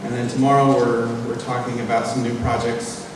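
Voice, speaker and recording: The host of a convention panel talks loosely and casually, dropping plenty of fillers. His mid-range voice is flat and brisk, and the distant mic in the big, echoey hall also catches background noise.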